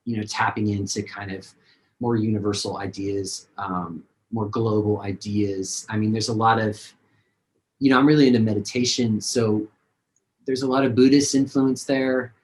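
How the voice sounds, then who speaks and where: A man's voice: lowish voice, steady tone, normal speed, darkish tone, poor audio. A man, a singer-songwriter, talking casually and rambling with many fillers in a video-call interview.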